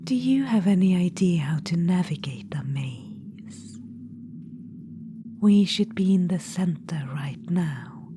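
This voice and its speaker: A woman voices a haughty, ancient undead witch queen for an ASMR roleplay, her slow, low whisper laid over constant background hiss. The mood is bickering, and she teases and talks down to the listener, calling them darling. She is vain and imperious.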